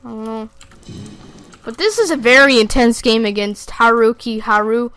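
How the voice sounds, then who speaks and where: A woman runs live commentary over her own gameplay, her voice sitting somewhat high. She gets excitable, curses freely and keeps turning to address her viewers directly. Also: moderate pace, no room sound. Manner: excitable, swears freely, talks straight to viewers. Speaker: gaming channel host.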